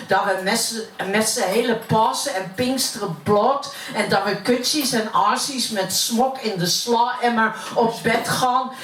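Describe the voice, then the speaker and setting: A woman's voice: on the high side, unhurried, hardly any pauses, fairly bright tone. A woman reciting dialect poetry as a brash, cheeky working-class woman with a broad Utrecht Dutch accent. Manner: earthy, colloquial, cheeky. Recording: roomy, distant mic, faint noise.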